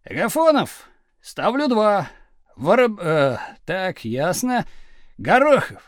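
Man playing a stern, booming geography teacher. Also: big pitch swings, measured pace, no room sound, studio quality. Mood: triumphant. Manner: booming, pressing.

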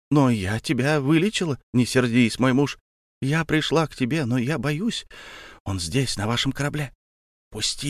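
A man reading an audiobook and voicing a tender, remorseful young wife who talks in a soft, pleading way. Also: mid-range voice, no room sound, clean studio sound, close to an everyday voice. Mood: fearful.

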